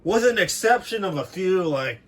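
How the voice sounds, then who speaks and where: Animated and moving at a moderate pace, a man with a fairly high voice chats informally while showing off his hobby setup in home-video style. It's casual show-and-tell narration recorded indoors on a handheld camera mic.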